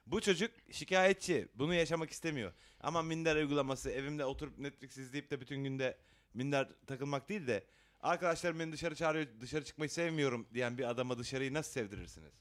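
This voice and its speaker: A man's voice: mid-range voice, fast, a bit bright. A man hosting a casual panel chat, playful and teasing, often breaking into laughter. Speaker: host.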